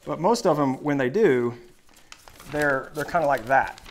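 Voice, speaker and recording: A man in his thirties co-hosts a woodworking live show from his indoor home shop, talking casually about tools through a lapel mic. His voice is fairly high and measured, chatty and explanatory, with restarts and laughs. A little hiss or hum is audible.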